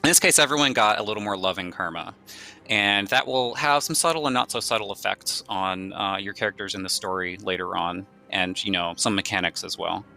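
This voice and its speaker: A game developer showing his game in a live walkthrough, explaining in a relaxed way with many fillers. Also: fairly low pitch, fairly quick, vocal fry, faint music behind.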